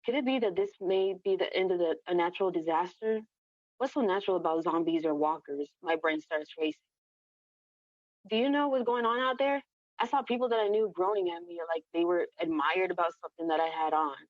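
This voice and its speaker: The voice is a woman's, on the low side and brisk, narrating a first-person story she wrote herself. It's an echoey room with a muffled, dull lo-fi recording.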